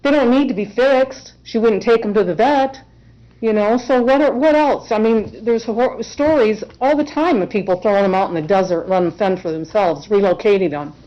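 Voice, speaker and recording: An emotional woman testifies in her own defense, earnest and insistent. Her voice sits at an everyday middle pitch. The courtroom recording is dull and muffled. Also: moderate pace. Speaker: self-represented respondent in court.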